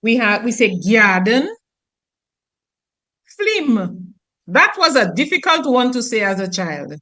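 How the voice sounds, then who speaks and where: Dominican woman, teacher guest on radio, lively and demonstrative, bright, slightly high voice. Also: slow pace. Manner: animated, demonstrative, acts out sayings. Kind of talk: explanatory radio talk.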